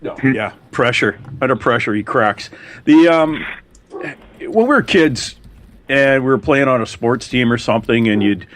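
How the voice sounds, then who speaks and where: An easygoing man sits on a paranormal radio panel. He pokes fun at himself and answers in a relaxed, wandering way, his voice sitting at an ordinary middle pitch. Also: normal speed. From Canada. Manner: self-deprecating, easygoing. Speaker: panel guest. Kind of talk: casual chat.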